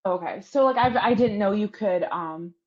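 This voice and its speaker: A woman co-hosting a podcast over a remote call, at a middle pitch. The sound is slightly dull and lo-fi. She chats casually and jumps in with quick reactions. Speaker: podcast co-host. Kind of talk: casual chat.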